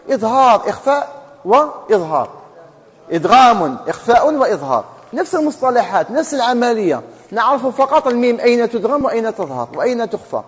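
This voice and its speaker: Algerian man teaching in an echoing mosque hall. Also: very high voice. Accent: Algerian Arabic. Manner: questions students, answers himself, spells out rules. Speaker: Quran recitation teacher. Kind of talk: classroom tajweed lesson.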